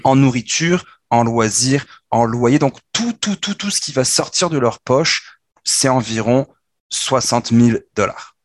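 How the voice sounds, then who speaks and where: A man in his thirties with a Québécois accent, casually explaining personal finance on a podcast with quick, animated restarts. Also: medium pitch, a little hiss or hum. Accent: Québécois French.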